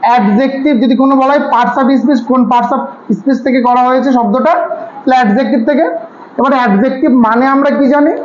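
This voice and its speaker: A man's voice: very high voice, quick pace, a little hiss or hum. A man tutoring a class on grammar, asking his students questions and answering them himself. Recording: echoey room, slightly dull sound.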